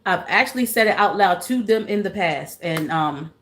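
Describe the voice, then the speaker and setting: A woman's voice: fairly low pitch, animated, moderate pace, a little hiss or hum. A middle-aged woman hosting a casual live stream. She greets viewers by name, repeats her phrases and talks earnestly and emotionally about grief. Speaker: livestream host.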